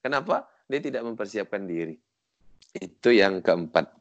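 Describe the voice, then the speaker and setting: A man's voice: lowish voice, animated, normal speed, lo-fi sound. A man from Sumatra giving a casual religious lecture. He jokes and acts out the voices he quotes. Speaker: Islamic preacher.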